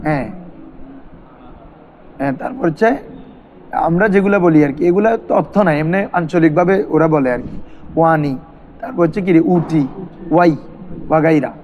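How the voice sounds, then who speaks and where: A man's voice: a little high, moderate pace, pauses often, highs cut off, slight background noise. A man teaching a classroom grammar lesson, asking his students questions and repeating terms for them to answer. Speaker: madrasa teacher.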